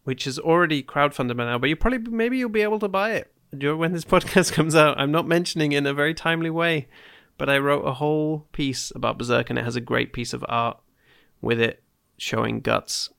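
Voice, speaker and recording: A man co-hosting a podcast in casual chat, dry and wry, with quick jokes. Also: a little high, creaky, fairly bright tone, smooth. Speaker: podcast co-host.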